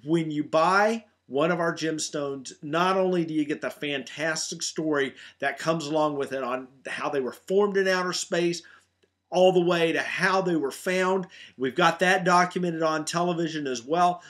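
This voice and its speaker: A man's voice: fairly high pitch, moderate pace, fairly bright tone. Eager man talking up space gemstones. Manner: enthusiastic, many fillers and restarts. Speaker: meteorite hunter presenting gemstones. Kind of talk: casual product talk to camera.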